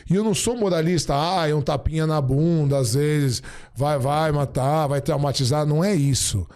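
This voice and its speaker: Mellow-voiced man telling lively stories. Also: on the high side, normal speed. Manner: animated, acts out quoted dialogue. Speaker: podcast guest. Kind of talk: casual storytelling chat.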